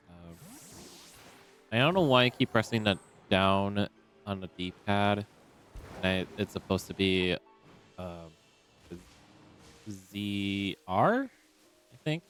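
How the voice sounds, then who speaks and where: A young man in a relaxed, rambling style, commenting casually as he streams a game and talking to himself with many fillers. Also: lowish voice, slow, pauses often, soft background music.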